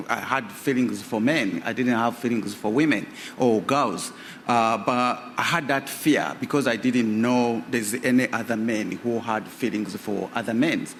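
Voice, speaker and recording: Speaking as a guest on a radio theatre stage during a live interview, a man from Uganda relates his personal story haltingly, full of fillers. His voice sits at medium pitch, and the reverberant live theatre recording has a little hiss or hum.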